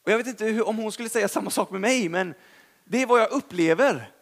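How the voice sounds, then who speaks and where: A young man preaching a sermon in a chatty, storytelling way, self-deprecating and lively in emphasis, with a Swedish accent. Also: high voice.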